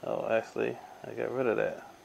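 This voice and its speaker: A man's voice: on the low side, completely flat delivery, brisk, gravelly, a little mellow, slight background noise. A man giving a casual hands-on tech demo at a table indoors, narrating each step with frequent ums and uhs. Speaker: tech reviewer. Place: indoors at a table by window blinds.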